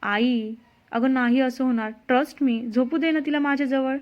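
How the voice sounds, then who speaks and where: A woman voicing an excitable, childish young husband who pleads insistently in a storybook reading. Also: high voice, normal speed, natural voice. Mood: pleading. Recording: dull lo-fi sound.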